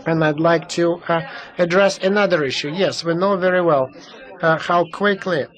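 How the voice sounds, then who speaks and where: Halting male conference interpreter. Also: on the high side, fairly bright tone, poor audio. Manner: halting, many fillers and restarts. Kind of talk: simultaneous interpretation of a panel.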